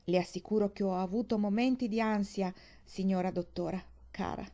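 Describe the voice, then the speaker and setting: A woman's voice: mid-range voice, moderate pace, dark tone, lo-fi sound, close to an everyday voice. A woman reading as a fussy gossiping housekeeper. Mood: fretful. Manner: gossipy, dramatic.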